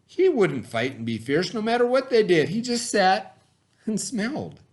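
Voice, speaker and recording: A man with a slightly high-pitched voice speaks as a teacher to young children. He reads and talks in an expressive way. His phrasing is simple and addressed straight to his young listeners. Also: normal speed, slight background noise. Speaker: teacher reading aloud. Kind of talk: children's story read-aloud, then informal talk to children.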